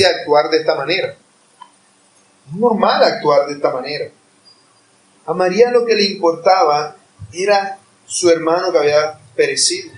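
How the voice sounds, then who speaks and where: Earnest preacher, man, echoey and distant. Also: on the high side. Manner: earnest, rising to impassioned pleading. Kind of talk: sermon. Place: church hall. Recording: echoey room, voice far from mic.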